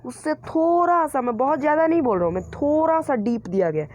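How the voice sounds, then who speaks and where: A man with a very high, slightly mellow voice speaks fast and with lots of animation. He hosts a YouTube channel where he reviews school books, casually recommending them while repeating and qualifying his points and hesitating often.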